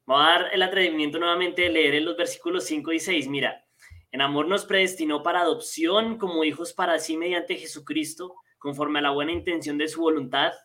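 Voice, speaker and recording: Man, panel guest, scripture reading, measured, bright tone. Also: fairly high pitch, steady tone.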